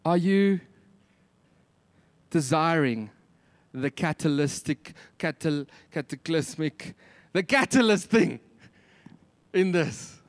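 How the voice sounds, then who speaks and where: A male preacher with a South African Afrikaans accent and a notably high voice delivers a sermon. He speaks emphatically, leaning on repetition and rhetorical questions, and the sound is dry and close. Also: animated, slow pace, long pauses, no echo.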